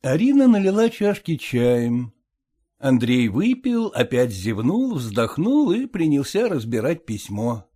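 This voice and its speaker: Expressive male storybook narrator. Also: medium pitch, measured pace, slightly rough. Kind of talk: audiobook story reading.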